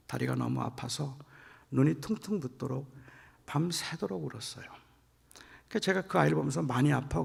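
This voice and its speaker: A middle-aged man preaches in a large church, his voice deeply gravelly and husky. He tells a story from the pulpit and lets it swell into shouting when he quotes himself. A long reverb trails every phrase. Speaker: pastor. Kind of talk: revival sermon with personal story.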